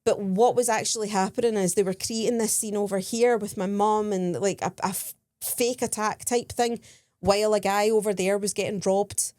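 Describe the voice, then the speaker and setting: A woman's voice: mid-range voice, moderate pace, no echo, clean studio sound. A woman co-hosting a podcast, telling holiday stories in casual chat, laughing as she goes. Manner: chatty, animated, laughs while telling stories. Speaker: podcast co-host.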